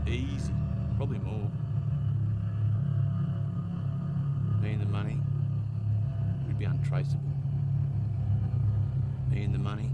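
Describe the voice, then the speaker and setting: A man's voice: fairly low pitch, very noisy, lightly acted. An actor playing a brash, scheming male crook, rambling and swearing heavily in a radio drama. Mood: conspiratorial.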